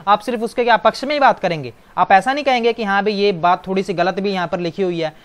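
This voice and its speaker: A man's voice: high voice, quick pace, smooth. Brief: male exam-prep tutor, patient explainer with constant tag questions. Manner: explanatory, keeps adding "right?" tag questions. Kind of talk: online exam-prep lecture.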